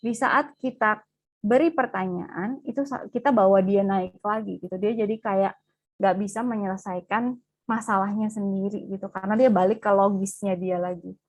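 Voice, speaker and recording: A woman speaking on a video call webinar to mothers, explaining play rules in a lively way and slipping in English phrases. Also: mid-range voice, normal speed, no room sound. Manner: lively, acts out quoted voices, mixes in English phrases.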